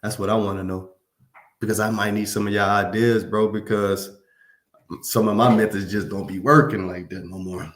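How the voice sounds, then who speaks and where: A man from Louisiana with a drawl hosts a livestream, chatting loosely with his viewers. His voice sits low and his speech is easygoing and full of slang. The room around him rings with echo. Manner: laid-back, slangy, talks straight to viewers. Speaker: livestream host. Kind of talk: casual livestream chat reading comments.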